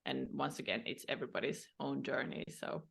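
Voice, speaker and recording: Gravelly-voiced female dating coach. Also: rumbling low, steady tone, a little fast, fairly bright tone. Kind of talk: conversational interview advice.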